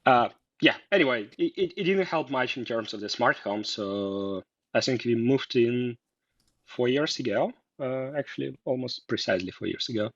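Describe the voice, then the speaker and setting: A man's voice: mid-range voice, animated, moderate pace, no echo. A man from Russia, a guest in a casual interview, talking hesitantly with many fillers and restarts. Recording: dull lo-fi sound.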